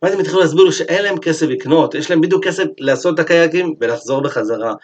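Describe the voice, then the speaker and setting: A man teaching a Torah lesson, telling a story in a lively sermon style and acting out its characters. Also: fairly high pitch, breathy edge.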